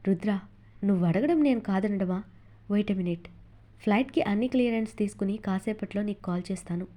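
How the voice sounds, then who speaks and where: A woman voicing a cheerful, well-connected male friend in an audiobook, speaking brighter, louder and friendly. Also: medium pitch, fairly quick, natural voice.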